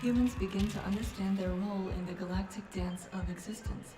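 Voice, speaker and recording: A woman reading game text aloud on a livestream in a measured, even way. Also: medium pitch, echoey room, far from the mic, music in the background. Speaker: game developer.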